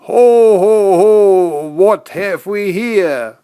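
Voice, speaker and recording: Man putting on a booming, jolly Santa Claus. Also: drawn-out words, mellow, clean tone. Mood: booming surprise. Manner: hearty ho-ho-ho exclaiming, noisy.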